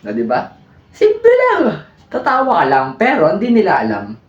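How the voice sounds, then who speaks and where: Teasing Filipino man with a lively voice. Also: on the high side, fairly quick, lo-fi sound. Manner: teasing, playful, laughs at own jokes. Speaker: vlogger host. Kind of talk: casual joking vlog chat.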